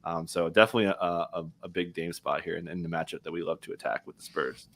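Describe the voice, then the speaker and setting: A man's voice: low voice, steady tone, fairly bright tone. A man analyzing fantasy basketball in loose, casual talk with lots of fillers. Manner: loose, filler-heavy, quick informal talk. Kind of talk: casual chat.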